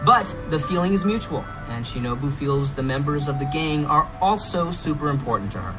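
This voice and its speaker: A man delivers a semi-scripted promotional game presentation, playful and theatrically enthusiastic, in a voice that's a little high, expressive, and a little fast. It plays within a reaction video, with clear music behind him.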